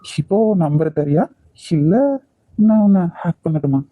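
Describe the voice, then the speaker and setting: A man's voice: on the high side, a little slow, dark tone, no echo. A man voicing a cocky male college senior with a Kanyakumari Tamil accent, teasing and domineering. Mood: smug.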